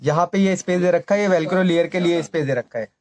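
Speaking a little fast in a higher, slightly mellow voice, a man explains a hands-on tutorial step by step. He presents a motorcycle gear channel and records in a small indoor office or shop room, with faint background noise and clicks.

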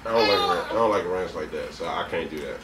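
A man's voice: deep voice, fast. A young man chatting casually as co-host of a mukbang eating vlog, recorded indoors by a camera a few feet away. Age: young adult. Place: indoor room, at a table. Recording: echoey room, distant mic, clear noise.

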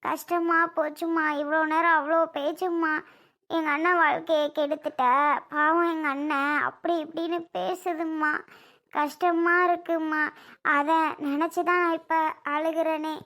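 Performer playing a tearful young wife, high voice, bright tone, soft plaintive replies, family drama skit. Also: female voice, flat delivery, unhurried, exaggerated voice. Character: tearful young married daughter.

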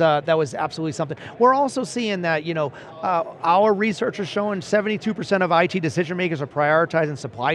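Seated at a booth amid a bustling convention floor, a man in his forties who works as a principal analyst explains survey results in a conversational interview. His voice runs slightly high for a man, and his steady, explanatory delivery cites statistics and leans often on "right?" with each point.

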